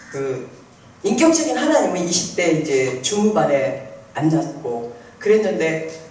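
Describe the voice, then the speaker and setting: A woman pastor giving a sermon with a personal testimony, telling her story in an animated, conversational way. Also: medium pitch. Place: prayer house hall. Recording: echoey hall, speaker far from mic.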